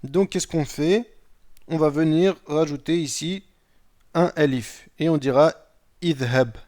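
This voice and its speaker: A man with a fairly high voice teaches Arabic grammar at an unhurried pace. He reads example sentences aloud and translates them. He walks through each step patiently and keeps checking that his students follow. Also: darkish tone. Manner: patient, explains step by step, often asks "d'accord?". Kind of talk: recorded lesson explaining Arabic grammar.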